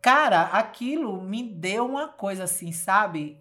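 A woman, a journalist telling stories in a colloquial, animated way during an interview. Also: medium pitch, unhurried. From Bahia, Brazil. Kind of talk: casual storytelling interview.

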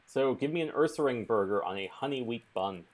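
A man's voice: mid-range voice, lively intonation, brisk. A man co-hosting a casual podcast chat, joking in a wry, dry way. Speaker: podcast co-host.

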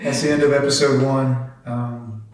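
A man's voice: medium pitch, little pitch movement, moderate pace, very echoey, distant mic, low-quality recording. A man hosting a casual family faith podcast, earnest and encouraging as he exhorts his listeners. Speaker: podcast host, father.

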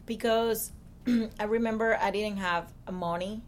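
Earnest Cuban-accented woman, halting English. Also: medium pitch, fairly even intonation, a little hiss or hum. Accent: Cuban Spanish. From Cuba. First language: Spanish. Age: 30s. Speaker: guest. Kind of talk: casual interview.

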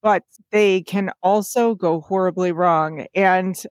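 A woman co-hosting a podcast in casual chat, chatty and quick to giggle. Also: fairly low pitch, steady tone, no room sound, clean studio sound. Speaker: podcast co-host.

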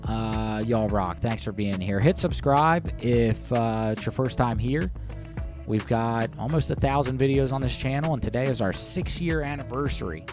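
A man's voice: medium pitch, moderate pace. A man hosting a livestream, chatting casually to his viewers. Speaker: livestream host. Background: music.

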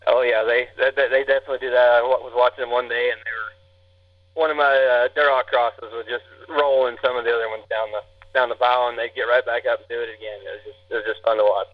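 A man's voice: mid-range voice, flat delivery, quick pace. A man chatting casually as an interview guest over a narrow, tinny phone connection. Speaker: podcast guest, pig farmer.

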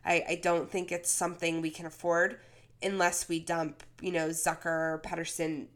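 A woman's voice: fairly low pitch, flat delivery, moderate pace. A woman co-hosting a podcast with casual sports talk, speaking while sick with a cold. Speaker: podcast co-host.

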